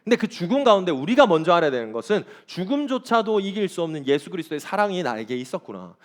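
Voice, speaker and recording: High-voiced, fast-talking man preaching. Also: very animated. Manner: emphatic, asks the congregation rhetorical questions. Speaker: pastor. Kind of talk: sermon.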